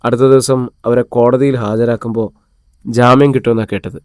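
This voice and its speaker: A man's voice: mid-range voice, level tone, brisk, darkish tone, no room sound, clean studio sound, lightly acted. A man reading the lines of an earnest young friend who delivers news in a matter-of-fact way.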